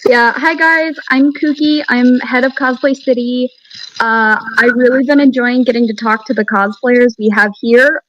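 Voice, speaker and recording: A woman's voice: fairly high pitch, normal speed, a bit bright, no room sound. A woman speaking casually on a video call as a convention staff head, bubbly and friendly. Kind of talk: casual online call chat. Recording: slightly muffled call audio.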